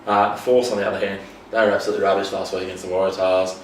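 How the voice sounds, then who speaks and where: A man's voice: deep voice, level tone. A man hosting a casual sports chat, laid-back and fond of saying mate. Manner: quick, laid-back, says mate a lot. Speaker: sports podcast host. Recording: roomy, distant mic, faint noise.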